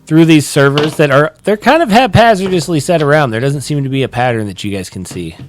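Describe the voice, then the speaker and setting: A man narrating a tabletop game as game master, describing scenes with many pauses and restarts. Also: fairly high pitch, expressive, a little hiss or hum. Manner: rambling, searching for words with many likes and restarts.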